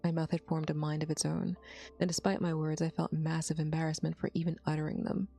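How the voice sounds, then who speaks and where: A woman's voice: sits low, little pitch movement, fast, gravelly, mellow, faint music behind. A woman streamer reading a story aloud in first person, adding casual asides to her audience. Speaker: VTuber story reader.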